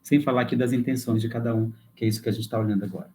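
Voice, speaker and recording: A man's voice: medium pitch, fairly even intonation, very fast, darkish tone, slight background noise. A man giving a classroom lecture, explaining patiently and thinking aloud, with frequent fillers and restarts.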